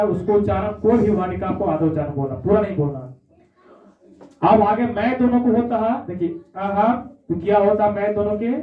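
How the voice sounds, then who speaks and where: Male teacher, echoey and tinny. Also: high-pitched. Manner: repetitive, checks in with "है ना?". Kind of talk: classroom lesson. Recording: echoey, far-off, phone-like audio.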